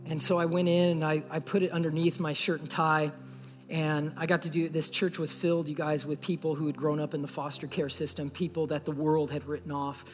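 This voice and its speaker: A young man preaches in a church sanctuary with a slightly high, flat voice, speaking fairly quickly. As an earnest pastor, he relates a story while speaking directly to the people in front of him. The audio has hall echo and faint music.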